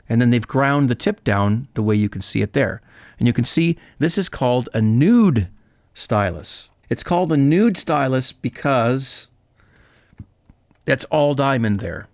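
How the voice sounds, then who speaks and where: A man with a mid-range voice hosts a vinyl channel video, giving a casual how-to explanation in a chatty, upbeat way full of fillers and self-corrections. The sound is studio quality with no echo.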